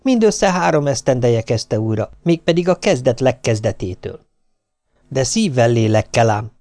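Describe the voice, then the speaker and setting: A man's voice: mid-range voice, expressive, a little mellow, no room sound. A man narrating an audiobook with dry, wry storytelling.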